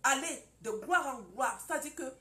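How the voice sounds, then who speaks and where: A woman teaching a preaching-style lesson, emphatic and animated, acting out scenes. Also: high-pitched, moderate pace. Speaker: founder of a marriage school for women.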